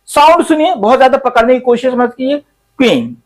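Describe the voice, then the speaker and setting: A male English teacher, slowly going through the alphabet and repeating each letter sound several times. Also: very high-pitched. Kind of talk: spoken English lesson.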